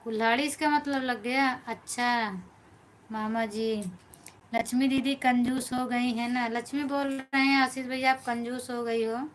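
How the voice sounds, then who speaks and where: Awadhi-accented woman, live-stream host, reads chat aloud and thanks fans, slightly high voice, faint hiss behind. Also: steady tone, unhurried. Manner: chatty, thanks viewers by name, answers comments one by one. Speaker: folk singer hosting a live stream. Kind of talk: casual live-stream chat reading viewer comments.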